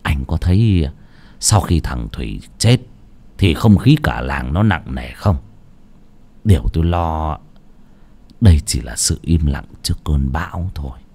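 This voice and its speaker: A man playing a shrewd old grandfather who speaks low and measured, in an audio storybook. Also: animated, dark tone, husky, exaggerated voice. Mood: grave. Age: older. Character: grave old village grandfather, shrewd and probing.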